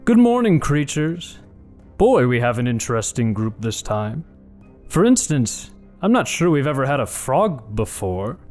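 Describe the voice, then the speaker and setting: A man's voice: mid-range voice, big pitch swings, measured pace, a little mellow. A man acts out an older, burly safari hunter as a tabletop game villain. He is showy and amused, talking down to everyone with jovial condescension over faint music. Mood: jovial, mocking. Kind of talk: in-character tabletop role-play.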